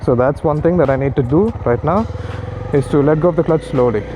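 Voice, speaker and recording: A man's voice: fairly high pitch, brisk. A man talking casually and informally as he explains things step by step in an instructional motovlog, thinking aloud as he goes, recorded outdoors on a motorcycle. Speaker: motovlogger, learner rider giving tips. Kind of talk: casual instructional vlog talk while riding. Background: motorcycle engine and traffic sounds, music.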